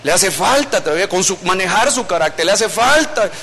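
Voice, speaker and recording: High-voiced pastor preaching. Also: male voice, expressive, brisk, sharp tone, a little hiss or hum. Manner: conversational storytelling preaching, acting out quoted voices. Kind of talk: sermon.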